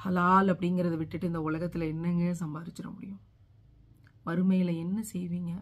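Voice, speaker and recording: A woman's voice: on the low side, level tone, moderate pace. A middle-aged woman giving an impassioned sermon, pleading with her listeners and building repeated phrases to fervent peaks. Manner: pleading, rising to fervent emphasis; repeats phrases for rhetorical force. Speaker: religious speaker.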